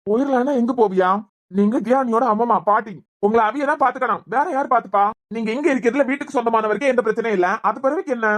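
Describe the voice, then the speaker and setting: A woman's voice: a little high, natural voice. A woman voicing an outspoken young woman in a cartoon serial, in a Kanyakumari Tamil accent. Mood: blunt. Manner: blunt, quick arguing.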